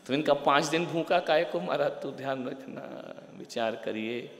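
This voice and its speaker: Animated male preacher in a reverberant hall. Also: on the high side, measured pace. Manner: animated, swings from loud to quiet, mimes, jokes. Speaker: Jain preacher. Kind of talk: sermon. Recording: echoey hall with long reverb.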